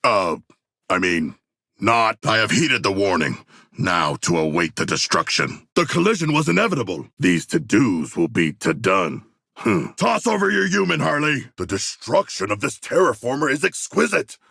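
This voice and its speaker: A man voicing King Shark, a hulking, proud, literal-minded shark-man in a video game, with a deep gravelly voice and stilted, grandiose formal diction. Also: big pitch swings, normal speed, pushed and bright, no room sound, clean studio sound, full character voice. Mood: calm, formal, then excited. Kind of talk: video game character voice lines.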